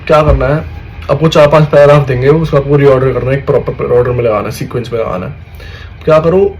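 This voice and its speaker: Chatting with his viewers about exams, a young adult student vlogger speaks at a medium pitch with a slightly mellow tone. He often calls them "bhai" and says "theek hai" to make sure they follow. Slight background noise comes through the rough recording.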